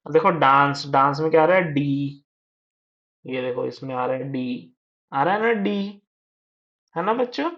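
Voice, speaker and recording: A man teaching young children, slowly drawing out and repeating words for them to copy. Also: on the high side, expressive, a bit bright. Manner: slow drawn-out repetition of words for children. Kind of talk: children's lesson. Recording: dull lo-fi sound.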